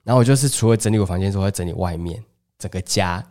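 A man's voice: sits low, fast talker, warm tone. A man with a Taiwanese Mandarin accent, co-hosting a podcast in casual chat and telling family stories with acted-out dialogue. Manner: chatty storyteller who acts out family dialogue. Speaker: podcast co-host.

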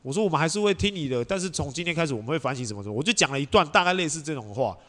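Fast-talking animated young man. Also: a little high. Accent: Taiwanese Mandarin. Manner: animated, acts out quoted voices, laughs often. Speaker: podcast host. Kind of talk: casual storytelling chat.

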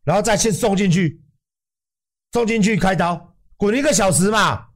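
A man's voice: sits high, moderate pace. Profane Taiwanese man ranting heatedly. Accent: Taiwanese Mandarin. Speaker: livestream host. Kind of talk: ranting livestream commentary.

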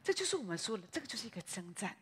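A woman pastor delivers a chatty, animated sermon and often ends her phrases with soft tag words. Her voice is husky, and it rings out with a long echo through a church hall. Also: mid-range voice, racing. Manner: animated, conversational preaching with frequent "哈" tags.

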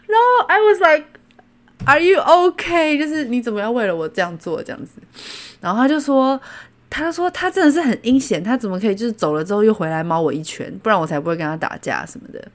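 Taiwanese mandarin lady podcaster, giggly storytelling, kinda low voice for a woman. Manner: giggly, animated, laughs often. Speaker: podcast host. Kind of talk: casual storytelling.

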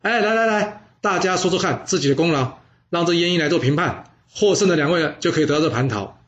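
A man doing a vain, excitable old duke. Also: fairly high pitch, fast talker, voice pushed up. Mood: excited. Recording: dull lo-fi sound.

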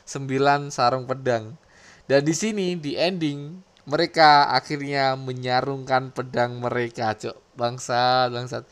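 Excitable man with a smooth voice. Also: medium pitch, unhurried. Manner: excitable, swears often, slips into dramatic readings. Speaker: podcast host. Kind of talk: casual chat reading comic panels aloud.

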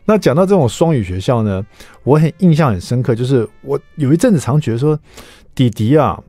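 A middle-aged man with a Taiwanese Mandarin accent, hosting a radio show and chatting through an animated story. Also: mid-range voice, brisk, dry recording, soft background music. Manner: animated, chatty, acts out quoted lines. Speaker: radio host. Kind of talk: casual storytelling monologue. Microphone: studio microphone.

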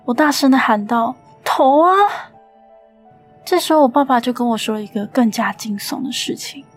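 A woman host tells a ghost story in a tense storytelling manner, slipping into voices for the quoted lines. Her voice sits a little high, with faint music underneath. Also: fast talker. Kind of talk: dramatic ghost story narration.

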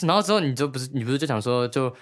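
A man's voice: medium pitch, animated, rapid-fire. A young man co-hosting a casual couple's podcast, retelling things in a rambling, defensive way. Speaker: podcast co-host.

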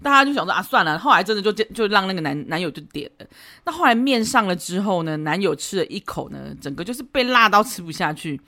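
A woman's voice: medium pitch, animated, fast, sharp tone. Teasing, laughing Taiwanese woman podcaster. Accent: Taiwanese Mandarin. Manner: chatty, laughs often, teasing. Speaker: podcast host. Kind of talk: casual advice chat.

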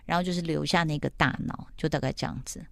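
A woman's voice: low voice, steady tone, fast, vocal fry, no echo. A middle-aged woman host in casual chat, animatedly retelling a TV plot and acting out the quotes.

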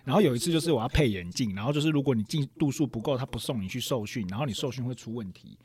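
A man co-hosting a chat show, telling a personal story in a casual, animated way. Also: mid-range voice, rapid-fire. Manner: animated anecdote teller who acts out quoted voices. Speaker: podcast co-host.

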